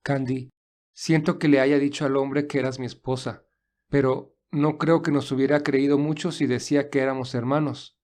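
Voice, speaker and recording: Voicing a courteous, resourceful young man stuck somewhere with his companion, this male actor uses a natural, darkish voice of medium pitch. His tone stays level and his pace moderate as he reassures earnestly in the audio story's dialogue.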